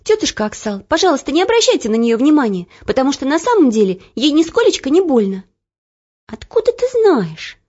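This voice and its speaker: A woman voicing a lively, bold young girl page in an audiobook. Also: sits high, fast talker, hardly any pauses, highs cut off, pitched above the performer's own voice. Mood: eager.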